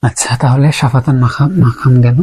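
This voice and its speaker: A man's voice: medium pitch, level tone, fairly quick, mellow, breathy edge. A man teaching Quran pronunciation in a lesson, patiently repeating each sound to show it. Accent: Bangladeshi Bengali. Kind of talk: explanatory lesson.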